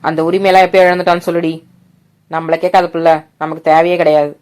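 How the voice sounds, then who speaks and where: A woman voicing a stern middle-aged father who gives gruff commands to his son and soft, low reassurance to his wife. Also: level tone, fast, lightly acted.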